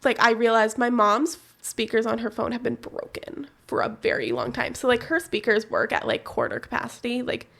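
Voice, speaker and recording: A young woman co-hosting a podcast, telling a story casually with animated, profane, laughing energy. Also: on the high side, moderate pace, vocal fry, few pauses. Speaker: podcast co-host.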